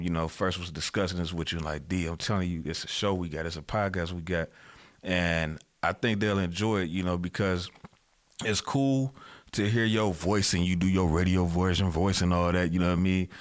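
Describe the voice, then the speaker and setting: A man's voice: sits low, steady tone, moderate pace. A man speaking as co-creator on a casual podcast chat, earnest and rambling with many fillers.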